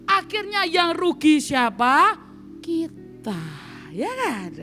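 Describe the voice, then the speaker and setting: A woman evangelist preaching a sermon in a church, telling a story and speaking directly to the congregation again and again. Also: high-pitched. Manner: animated, often addresses the congregation directly. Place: church hall. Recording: long hall reverb, faint music.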